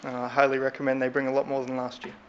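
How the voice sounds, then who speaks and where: A man asking measured, halting questions at a public meeting. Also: medium pitch, monotone. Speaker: licensed business representative questioning council. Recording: dull, faintly noisy meeting room audio.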